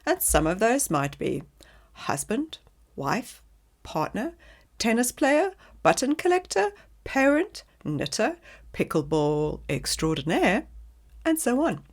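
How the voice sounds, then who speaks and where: A woman's voice: fairly high pitch, takes it slowly. A woman hosting her own podcast as a brand strategist, talking straight to the listener in a coaching way. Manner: lively, coaching, direct address to listener. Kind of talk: scripted solo podcast monologue.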